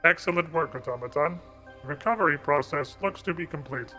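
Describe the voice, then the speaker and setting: A man speaking through a robot voice filter while streaming gameplay, reading out a robotic archivist's lines in a flat, formal way. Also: on the high side, brisk, soft background music. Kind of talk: live-streamed gameplay with a voice changer.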